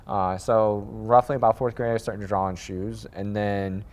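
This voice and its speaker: A man from the American Midwest with a fairly low voice tells his story in a relaxed interview. He rambles and gets animated, circling back with fillers and restarts as he talks. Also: a little slow. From Midwest United States. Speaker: guest, sneaker designer.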